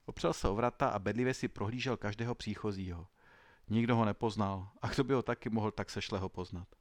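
A man narrating a story in an even, clear storytelling manner. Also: lowish voice, no echo. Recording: dry close studio sound.

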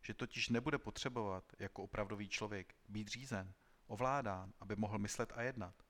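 A man voicing an aged mechanical man, a great engineer who speaks calmly and with fatherly sorrow, in a dramatized audiobook reading. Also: fairly low pitch, lightly acted. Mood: sorrowful. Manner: calm, fatherly, heavy-hearted.

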